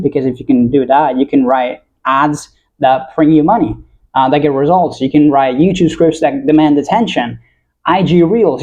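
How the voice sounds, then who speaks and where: A young YouTube vlogger from Italy, speaking with an American accent, talks casually and earnestly to his viewers in a rambling monologue, correcting himself along the way. His voice is on the high side and warm, though the recording is muffled.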